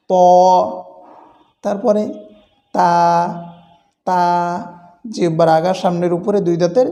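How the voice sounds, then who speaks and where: A man teaching the pronunciation of Arabic letters in a slow, deliberate lesson, drawing out each letter sound as an example. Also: high voice, dark tone. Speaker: Quran recitation teacher. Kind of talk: instructional lesson.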